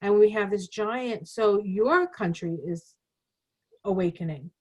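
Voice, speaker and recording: A woman's voice: mid-range voice, unhurried, a little mellow, lo-fi sound. Chatty rambling woman astrologer. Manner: rambling, chatty, filler-heavy. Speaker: astrologer guest. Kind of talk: casual conversation.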